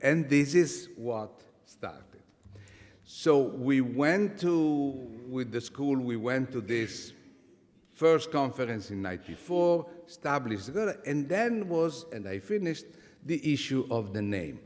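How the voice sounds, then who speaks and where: An Italian-accented man in his seventies addresses a conference from the podium, his voice at an ordinary middle pitch. He talks animatedly, dropping humorous asides and often stopping to restart a phrase. A long reverb from the large hall trails after his words. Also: expressive, takes it slowly, a little mellow. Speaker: conference speaker. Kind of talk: conference talk.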